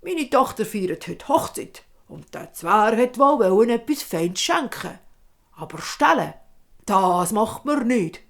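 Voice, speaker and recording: A woman voicing a calm, bearded old dwarf king who speaks in a measured, kindly authoritative way, with a Swiss German accent. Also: mid-range voice.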